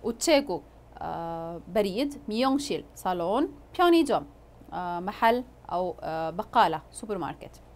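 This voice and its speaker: A woman teaching a language lesson, explaining words patiently and pausing often with drawn-out fillers. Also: fairly low pitch, very animated, a little mellow.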